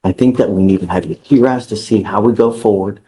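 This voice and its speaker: A man's voice: on the low side, brisk, warm tone, a little hiss or hum, rough recording. Stern, exasperated man judge lecturing. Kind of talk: courtroom ruling. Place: courtroom.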